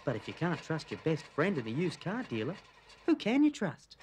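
A man's voice: a little high, huge pitch swings, moderate pace, darkish tone, slight background noise. An actor playing a naive, trusting young man who asks nervous, hesitant questions, with an Australian accent.

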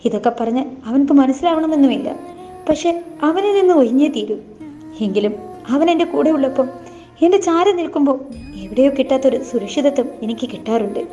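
High, mellow woman reading a novel aloud. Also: animated, brisk. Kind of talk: dramatized novel reading, first person. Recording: dull lo-fi voice with faint music.

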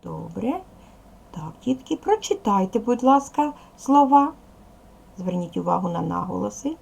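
In a recorded video lesson for second-grade readers, a woman speaks slowly, patiently and encouragingly to the young children. She has a mid-range voice that is very animated, creaky, slightly rough and a little mellow.

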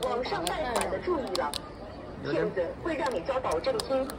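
A woman's high, lively voice recites rhyming warning slogans in a steady loop. It comes from a loudspeaker in an outdoor square. A dense crowd and loud traffic noise surround it. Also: normal speed. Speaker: public anti-fraud announcement. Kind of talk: looped loudspeaker announcement.

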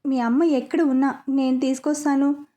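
Woman reading as a gentle grieving father. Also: sits high, little pitch movement, normal speed, close to an everyday voice. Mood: consoling. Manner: gentle, consoling. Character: grieving middle-aged father, tender.

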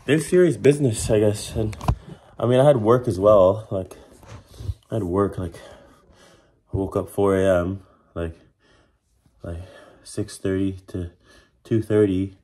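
A man's voice: on the low side, unhurried, warm tone. A young man vlogging casually to his phone while doing push-ups, a bit winded and straining. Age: young adult. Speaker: fitness challenge vlogger. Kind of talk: casual self-talk vlog. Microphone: phone camera, at arm's length or propped nearby. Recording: echoey small room.

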